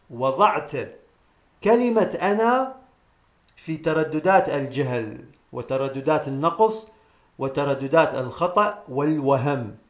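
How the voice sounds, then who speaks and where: A man gives a solemn metaphysical teaching in a somewhat high voice. He repeats his key phrases slowly for emphasis, and the sound rings around an echoey room. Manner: addresses listeners as brothers and sisters. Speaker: presenter of a spiritual self-help series.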